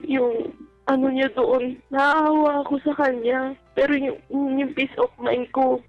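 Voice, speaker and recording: This radio caller, a woman with a Filipino accent, speaks slowly in a high, flat voice with no echo. She's seeking advice, recounting something personal in a polite, deferential, conversational way. Music plays behind the dull, lo-fi call audio.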